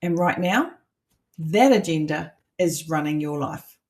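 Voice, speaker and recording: Teaching an online masterclass as a coach, a middle-aged woman with a New Zealand accent persuades emphatically, leaning on rhetorical questions. She speaks low, animated and slightly mellow, at a measured pace.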